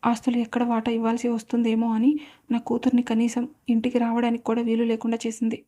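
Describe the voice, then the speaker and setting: A wronged, tearful old grandmother, voiced by a woman storyteller in a read-aloud tale. Her grievances come out in a mellow, fairly high voice that stays flat. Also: fast, natural voice. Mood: bitter. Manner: lamenting.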